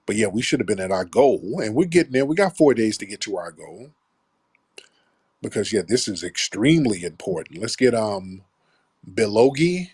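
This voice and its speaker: A man's voice: lowish voice, very animated, normal speed, darkish tone, slightly rough, no room sound. A man hosting a live call-in stream, talking bluntly with profanity and street stories. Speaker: show host taking callers. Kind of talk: casual live-stream talk.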